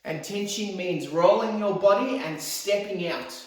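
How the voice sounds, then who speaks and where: Male karate instructor, high voice, explanatory lesson, unhurried, very echoey room, distant mic. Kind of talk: explanatory martial arts lesson.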